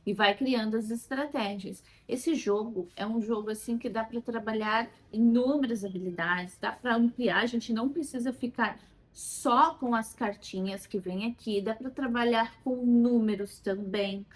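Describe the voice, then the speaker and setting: A woman's voice: a little high, a little slow. A Brazilian woman teaching how to use a children's learning game, recorded on a phone, at times modelling questions as if to a child. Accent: Brazilian Portuguese. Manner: animated, talks as if to a child when modelling questions. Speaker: child development educator.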